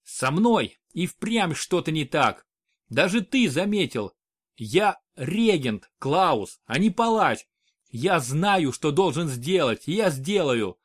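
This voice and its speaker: A man's voice: on the high side, sing-song, slow, husky, voice pushed up, exaggerated voice. A man reading an audiobook, voicing a bitter, volatile young male prince-regent in a raised, tense voice. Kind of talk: audiobook character voice.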